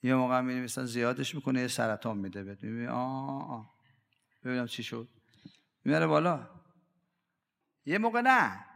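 A male preacher with a gravelly, creaky voice delivers a religious sermon. He swings dramatically from loud outbursts to hushed asides and acts out the cries of everyday people. His voice rings with a long hall reverb. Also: medium pitch, animated, long pauses.

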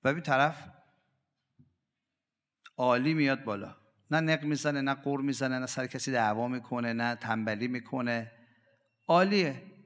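A mid-range male voice preaches a religious sermon in a big-sounding room. His delivery lurches between loud and hushed, and he acts out quoted voices and everyday cries.

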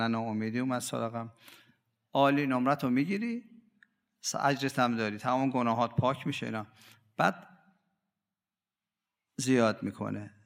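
A man preaching a religious sermon. He swings dramatically between loud and hushed delivery and acts out quoted voices and everyday cries. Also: mid-range voice, vocal fry, in a large hall.

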